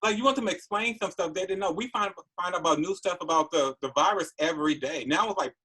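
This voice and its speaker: A man's voice: sits high, quick pace, a crowd in the background. A man co-hosting a casual podcast chat, blunt and skeptical, talking in slang. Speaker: podcast co-host.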